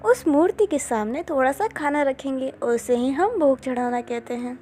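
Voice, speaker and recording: A woman's voice: high voice, lively intonation, moderate pace, slight background noise. A woman voicing a kind patient mother. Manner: gentle, softly scolding. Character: kind patient middle-aged mother teaching cooking. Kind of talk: storybook voice reading.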